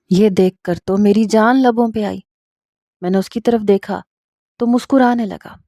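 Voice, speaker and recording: A woman narrating a first-person story in a steady, earnest way. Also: medium pitch, no room sound.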